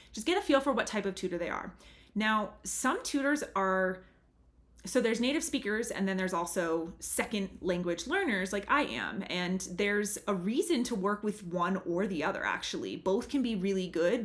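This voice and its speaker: An earnest American language tutor, a native English speaker, chats casually with her viewers, giving advice to camera. Her voice has an everyday middle pitch, and her friendly explanations ramble a little, leaning on "really" and "super."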